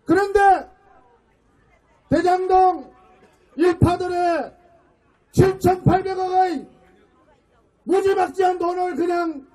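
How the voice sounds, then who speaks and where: A middle-aged man delivers a fiery rally speech outdoors, his voice pushed very high from shouting yet dark and mellow in tone. He speaks slowly, breaking his words into emphatic pieces. He fires rhetorical questions at the crowd. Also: rough recording. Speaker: party floor leader giving a rally speech.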